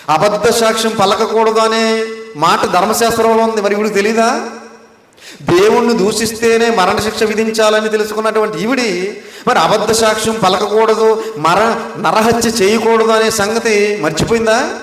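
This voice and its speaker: A man's voice: high-pitched, fairly bright tone. A man preaching a sermon with a Telugu accent, often asking his listeners short rhetorical questions. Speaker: pastor. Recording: echoey hall.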